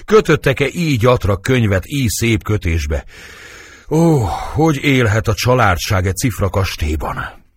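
A man's voice: mid-range voice, very animated, slightly rough, no echo, clean studio sound. A man reading the part of young Juliet, anguished and passionate, in dramatic verse.

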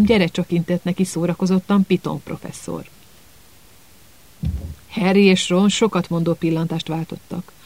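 A man reads an audiobook in a steady storytelling manner. His voice is high and gravelly, and the sound is close and dry with no room around it. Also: no room sound. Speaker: audiobook narrator. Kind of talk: audiobook narration.

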